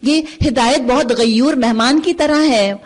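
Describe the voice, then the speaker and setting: A woman giving a Quran commentary lecture, earnest and full of rhetorical questions, slipping English phrases into her speech. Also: high-pitched. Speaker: Quran teacher. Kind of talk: tafseer lecture.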